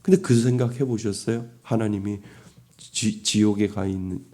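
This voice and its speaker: A man's voice: on the low side, steady tone, moderate pace, warm tone. A middle-aged man preaching a sermon as pastor, asking the congregation rhetorical questions.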